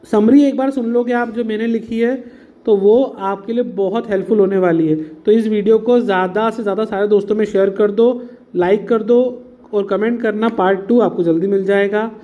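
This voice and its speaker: A man's voice: high-pitched, fairly even intonation, moderate pace, lo-fi sound. A man teaching an exam-prep lesson, explaining patiently, mixing in English words and calling his students "beta". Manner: mixes English words into Hindi.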